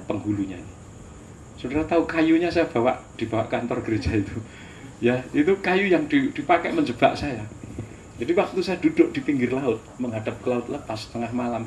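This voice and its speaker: A man's voice: mid-range voice, darkish tone, slight background noise. An older man with a Javanese accent, teaching a sermon-style lecture as a pastor, telling stories animatedly with asides and chuckles. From Indonesia.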